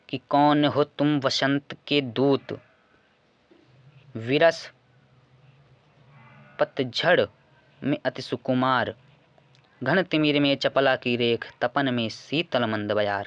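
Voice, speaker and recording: A man's voice: medium pitch, fairly bright tone, no echo. Guy teacher going over exam answers, repeats stuff, dry kinda muffled audio. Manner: explanatory, repeats key words, reads verses slowly. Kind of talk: exam paper walkthrough lesson.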